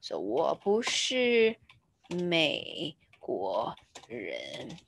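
A woman teaching a beginner Chinese lesson, patiently repeating each word slowly as she explains. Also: sits low, wildly swooping pitch, gravelly, fairly bright tone, a little hiss or hum. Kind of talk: slow screen-share language lesson.

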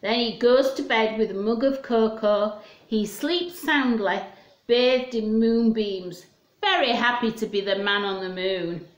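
A woman in her fifties leads story time for young children from a small room at home, her voice on the high side and her pace measured. She speaks simply, in a sing-song way, asking questions. The home recording sounds roomy and echoey.

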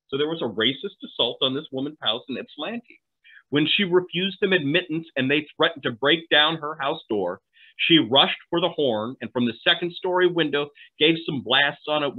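A middle-aged man gives a history talk over a video call, his voice at an ordinary middle pitch. He speaks conversationally, with quick asides and "right?" tags. The sound is narrow and tinny, like a phone line. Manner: conversational, asides and tag questions. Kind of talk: online history lecture. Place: home room, video call.

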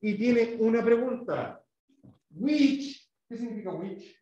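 A man's voice: extremely high pitch, lively intonation, slow pace, warm tone. A man teaching an English class, patiently explaining and modelling pronunciation for his pupils. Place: school classroom. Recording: echoey classroom, far from mic, dull.

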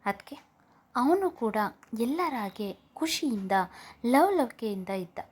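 An earnest, pleading young man, a loyal friend in a storybook tale, as a woman narrator reads his part. The voice sits a touch high. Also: big pitch swings, slow pace, darkish tone, breathy edge, full character voice.

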